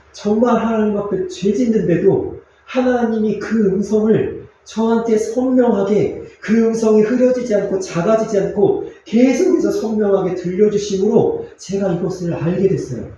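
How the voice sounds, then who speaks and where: A man pastor preaching a sermon in a church, earnest and confessional, with pauses and fillers. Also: sits high, mellow, heavy reverb, dull audio, slight background noise. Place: church sanctuary.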